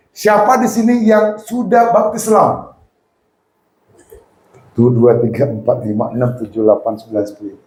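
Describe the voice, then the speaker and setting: A man from North Sumatra preaching a sermon as pastor, telling stories and speaking straight to the congregation, slipping in English words. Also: a little high. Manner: animated storytelling preaching, addresses congregation directly. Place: church hall. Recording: echoey church hall.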